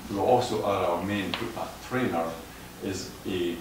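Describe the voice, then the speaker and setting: A man's voice: deep voice, measured pace. A man giving a lecture on footpath management and answering questions, often stumbling and repeating words. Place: lecture hall. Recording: echoey hall, distant mic, noise.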